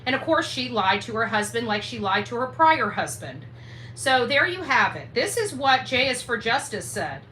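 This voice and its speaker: With a slightly high, sing-song voice that's bright and forceful, a woman hosts a livestream rant at normal speed. She is indignant, combative and emphatic, hammering points through repetition, against a roomy echo and faint background noise.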